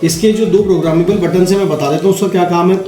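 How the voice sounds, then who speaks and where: This fast-talking man has a high, dark voice with a steady tone and an Indian accent. He's walking listeners through a casual product demo, explaining as he goes and tossing in tag questions to check they're following. There's faint music behind him and an echoey room sound.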